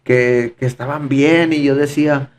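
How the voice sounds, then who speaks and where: A man's voice: medium pitch, steady tone, a little slow, a little hiss or hum. A man giving a fervent, repetitive personal testimony in conversation, often calling his listener brother. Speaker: podcast guest giving testimony.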